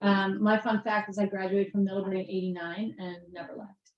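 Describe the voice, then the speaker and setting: A woman's voice: medium pitch, level tone, a little fast, highs cut off. Woman chairing a meeting, roomy echo. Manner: friendly, laughs often. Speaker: committee chair. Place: town meeting room. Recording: echoey meeting room.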